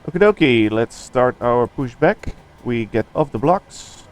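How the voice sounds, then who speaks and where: A man's voice: medium pitch, expressive, a little slow. A man giving casual running commentary on a simulated flight, thinking aloud in short fragments.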